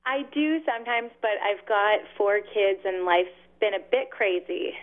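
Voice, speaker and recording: A woman's voice: medium pitch, normal speed. A woman in her thirties from Canada, calling in to a radio show over a bad phone connection, asking friendly, slightly unsure questions. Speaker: caller. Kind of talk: casual call-in chat. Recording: tinny, patchy phone line.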